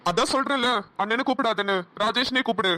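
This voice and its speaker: A woman's voice: on the high side, bright, forceful tone, no echo. A woman voicing a brash, hot-tempered young guy. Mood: pushy. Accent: Namakkal Tamil.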